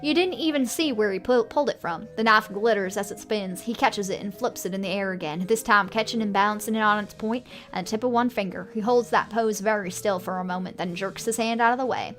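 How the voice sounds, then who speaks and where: A woman's voice: mid-range voice, a little fast, hardly any pauses, faint music behind. A woman streaming a video game, reading its story text aloud and reacting casually as she plays.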